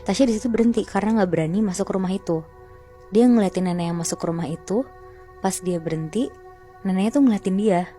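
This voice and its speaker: A woman's voice: medium pitch, fast talker, mellow, faint music behind. A woman telling a horror story to a friend in a chatty, slangy way, often calling out to her listener.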